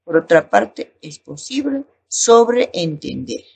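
A woman teacher with a Bolivian Spanish accent, explaining a lesson slowly and reading examples aloud. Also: fairly low pitch, big pitch swings, gravelly, a little hiss or hum. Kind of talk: recorded class lesson.

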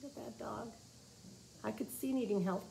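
A fairly high-pitched woman in her forties reads at a moderate pace from a children's nonfiction book. Like a teacher in a small office, she explains things simply to young listeners. The background carries clear, noisy room ambience.

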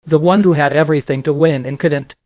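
A man's voice: fairly high pitch, fairly even intonation, brisk, darkish tone, dry recording, highs cut off. An older man teaching a bowling class in a classroom, talking emphatically and answering his own questions. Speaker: bowling coach. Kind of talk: classroom lecture. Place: classroom with a projector screen.

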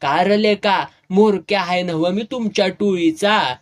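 A man's voice: high voice, a little slow. A man as a wailing bitter snake charmer. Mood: ranting.

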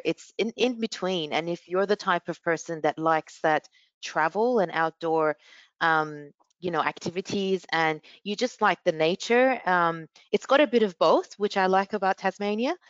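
A woman's voice: on the low side, normal speed, no room sound, dull audio. A woman hosting a university video call session, chatty with many fillers. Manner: friendly, lots of fillers like you know. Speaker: university staff host of student session.

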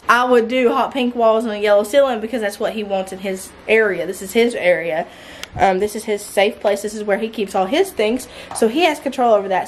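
Filming on a handheld camera at arm's length, a woman in her thirties, a stay-at-home vlogger mom, chats her way through a clean-with-me tour of a child's small red bedroom in a mobile home. She talks in a slightly high pitch, rambling with fillers and restarts, over light background noise.

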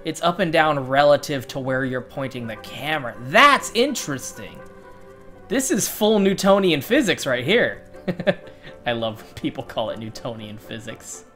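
A woman's voice: rumbling low, expressive, normal speed, fairly bright tone, soft background music. A woman giving casual, joking, sweary commentary as she streams a video game. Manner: joking, profane, giggly.

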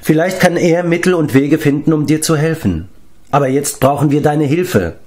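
A man's voice: a little high, normal speed, darkish tone, voice pushed up, close to an everyday voice. A man voicing an earnest young male hero in an audiobook reading, pressing and pleading. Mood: urgent. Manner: urgent, pleading.

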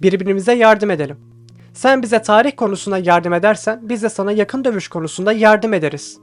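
A friendly, confident young woman cadet, read by a man in an audiobook, easygoing and joking. The voice is set high. Soft music runs underneath. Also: fairly quick, lightly acted. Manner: warm, joking.

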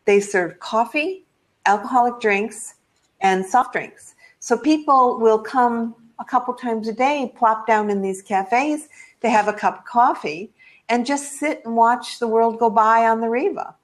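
A woman's voice: fairly high pitch, a little slow. An older American woman, a travel blogger, telling travel stories in a video call interview, chatty and full of ums. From United States. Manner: warm, chatty storytelling with frequent ums. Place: living room at home.

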